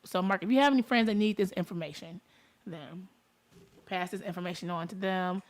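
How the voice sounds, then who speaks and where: A woman's voice: lowish voice, a little fast. Casual Detroit woman hosting a talk show. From Detroit, United States. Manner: conversational, informal, addresses listeners directly.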